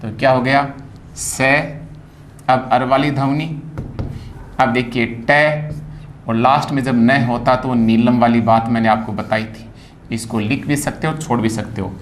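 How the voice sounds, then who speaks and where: A man teaching a phonetics lesson, spelling words out and repeating each sound slowly. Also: mid-range voice, fairly even intonation, slight background noise.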